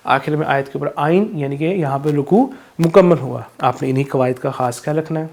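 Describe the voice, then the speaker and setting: A man with a Pakistani Urdu accent teaching a class, explaining recitation rules and chanting verses slowly. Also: a little high, gravelly, darkish tone. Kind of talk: classroom lesson on Quran recitation.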